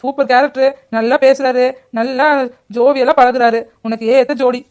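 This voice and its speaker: A woman voicing a lively young village woman in a family cartoon, chatty and teasing. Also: sits high, moderate pace, natural voice. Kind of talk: animated cartoon dialogue.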